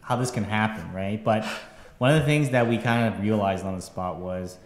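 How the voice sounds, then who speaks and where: A man's voice: lowish voice, moderate pace. A man, a game developer on a live stream, talking casually and rambling with lots of fillers and tag questions. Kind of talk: casual panel chat. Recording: echoey room with long reverb.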